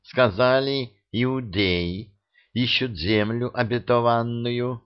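Flustered timid bat, read by a man, apologetic, unhurried, lo-fi audiobook. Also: mid-range voice, steady tone, smooth, close to an everyday voice. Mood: sheepish. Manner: sheepish, apologetic.

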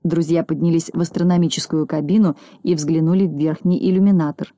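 A woman reads a children's story aloud in a calm, even manner. Her voice is fairly low and mellow. The recording is close and dry. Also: brisk, no room sound. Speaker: reader.

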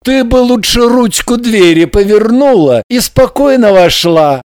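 A man voicing a hot-tempered young man who shouts and barks, a little away from the mic. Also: very high-pitched, animated, measured pace, no echo, clean studio sound, pitched above the performer's own voice. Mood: mocking. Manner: shouting, barking.

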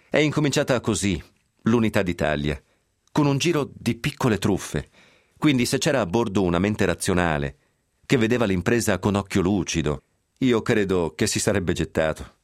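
Wry Italian radio storyteller, lively pitch. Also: male voice, no room sound, studio quality. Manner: wry, ironic storytelling with sly asides. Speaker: radio commentator reading a historical essay. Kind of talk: scripted radio reading. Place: radio studio.

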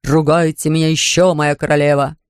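A man reading an audiobook, voicing an amorous, indulgent young man in a lowered, murmuring voice, in a dry studio. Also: flat delivery, brisk, smooth, no echo, close to an everyday voice.

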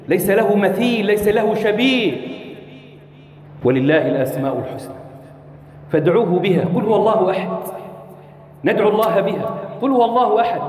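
A man's voice: sits high, a little mellow. A man preaching a sermon, speaking with passion, repeating phrases for effect and sometimes slipping into a chant. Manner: impassioned, rhetorical repetition, sometimes chanting. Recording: echoey hall reverb.

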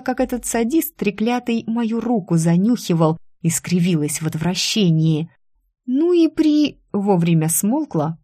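Woman audiobook narrator, lower voice, close dry studio read, expressive storytelling. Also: dry recording. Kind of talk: first-person audiobook narration.

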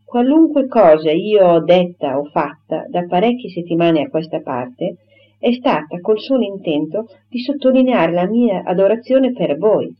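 A woman's voice: on the low side, lively intonation, a little slow. A woman voicing a flowery, self-important young clergyman who courts effusively and takes offense, on a dull lo-fi recording. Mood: ardent. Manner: effusive, formal and wounded pride.

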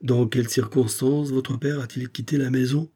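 A man's voice: medium pitch, fairly even intonation, moderate pace, mellow, husky, voice pushed up, natural voice. A man voicing a formal, composed magistrate who questions a witness and lays out his theory of the case. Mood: formal, grave. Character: measured, authoritative older male magistrate.

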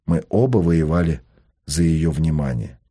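A man's voice: very deep voice, lively intonation, a little slow, vocal fry, mellow, husky, voice pushed down, full character voice. A man reading a novel aloud, voicing a guarded older father who mutters his replies. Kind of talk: audiobook character voice.

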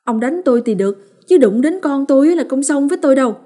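A woman voicing a fierce, protective village mother who scolds and shouts in rapid bursts, as a character in an audiobook. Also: a little high, voice pushed up, close to an everyday voice. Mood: furious.

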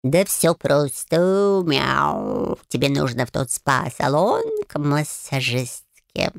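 A woman putting on a sarcastic male cat familiar from a storybook, gravelly and low, dragging out every word with weary scorn. His voice sits deep and rough, with a tired, mocking drawl. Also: animated, slow pace, no room sound, studio quality, full character voice. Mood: grumbling. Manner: mocking, exasperated.

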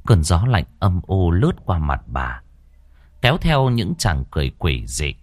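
Low-voiced man narrating a horror story. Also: sing-song, measured pace. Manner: dramatic, suspenseful storytelling.

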